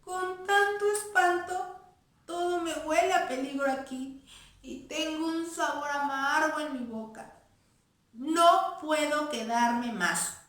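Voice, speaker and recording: A woman voicing a timid, frightened male mouse in a children's play, squeaky and panicky, in an echoey room. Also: sing-song, slow, long pauses, a bit bright, full character voice. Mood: tearful.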